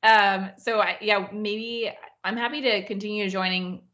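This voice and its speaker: A woman's voice: medium pitch, fairly even intonation, measured pace, sharp tone, muffled recording. A woman on an online meeting call, speaking hesitantly with many fillers. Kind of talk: casual online meeting discussion. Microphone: video call.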